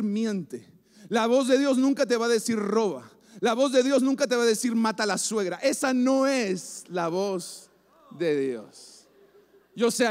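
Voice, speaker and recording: A man preaching a sermon to a church congregation, emphatic and repetitive, building phrases up to shouts. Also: sits high. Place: church service before a congregation. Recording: long reverb of a large hall.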